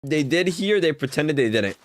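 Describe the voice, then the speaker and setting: A young man with a fairly high, expressive voice streams Minecraft and, unhurried, tells a long rambling story packed with fillers and exasperated laughter. The recording is dry.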